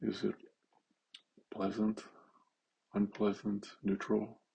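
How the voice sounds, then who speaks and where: A man guides a mindfulness meditation in a slow, halting way, leaving long pauses between short, simple phrases. His voice is deep-set, heavily gravelly and very husky, and he lets each word settle. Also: monotone, mellow, low-quality recording.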